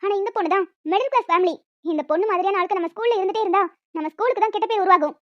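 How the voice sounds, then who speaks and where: A performer voicing a stern, snobbish schoolteacher in a cartoon, cold and haughty. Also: female voice, very high-pitched, rapid-fire, dry recording. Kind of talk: cartoon voice acting. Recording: dull lo-fi dry recording.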